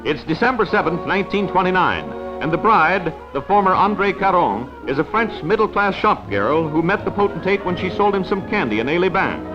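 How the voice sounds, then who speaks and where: A man's voice in old newsreel style, pitched high and swooping lively through each line, with an emphatic announcer delivery. The dull, lo-fi archival sound sits under a loud music score. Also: a little fast, few pauses. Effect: old newsreel narration. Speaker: newsreel narrator. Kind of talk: 1940s newsreel narration.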